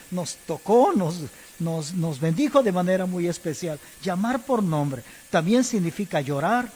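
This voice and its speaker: A Mexican man preaching a sermon to his congregation, speaking deliberately, spelling out words letter by letter and calling his listeners brothers and church. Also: high-pitched, a little mellow. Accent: Mexican Spanish. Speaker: pastor. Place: church service. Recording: distant hall reverb with faint hiss.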